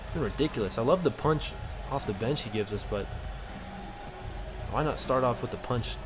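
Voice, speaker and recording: A man giving casual, excited play-by-play commentary over a basketball video game, with slang in his talk. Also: medium pitch, moderate pace. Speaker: gaming content creator.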